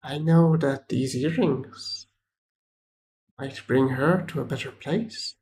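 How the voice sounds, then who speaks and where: A man voicing a cryptic male trader of glowing trinkets, speaking in a sly, secretive hush. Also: mid-range voice, slow, close to an everyday voice.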